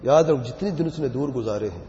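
A man's voice: mid-range voice, expressive, mellow, a little hiss or hum. A man preaching a sermon, speaking emphatically and pressing his listeners with rhetorical questions. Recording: echoey hall, dull lo-fi sound.

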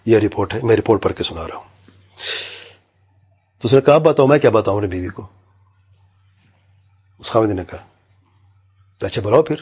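A man preaching in a storytelling way, retelling anecdotes through quoted dialogue and sometimes dropping into low, quiet asides. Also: husky. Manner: mixes English medical terms into his speech. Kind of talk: sermon storytelling.

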